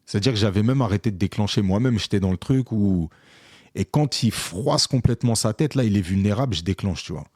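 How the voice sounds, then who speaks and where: A man with a fairly low voice tells an animated story in casual chat, slipping in and out of dialogue with plenty of "euh"s. His voice sits close and dry, with no room sound around it. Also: brisk, no room sound. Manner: animated, re-enacts dialogue with many fillers. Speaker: podcast co-host, photographer.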